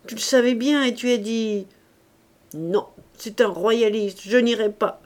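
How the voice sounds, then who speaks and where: Bitter, anguished old grandfather, put on by a woman in an audiobook, all shouted outbursts in a highish voice. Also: measured pace, natural voice. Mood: raging grief. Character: furious grieving old grandfather, near a hundred. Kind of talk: audiobook character reading.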